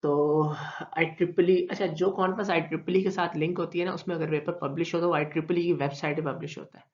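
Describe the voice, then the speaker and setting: A man with a Pakistani Urdu accent giving a recorded online lecture, explaining slowly with repeated terms and many fillers. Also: a little high, fairly even intonation. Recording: dull lo-fi recording.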